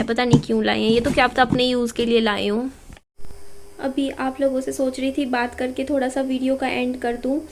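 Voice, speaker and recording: A woman's voice: high voice, noisy background. A young woman chatting casually on her vlog, showing things to the camera and mixing English words into her Hindi. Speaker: vlogger. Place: indoors at a hospital stay.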